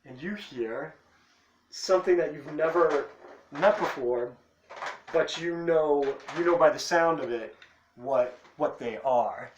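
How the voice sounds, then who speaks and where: A man running a tabletop game as dungeon master, narrating in a halting, rambling way. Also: a little high. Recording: echoey room, faint noise.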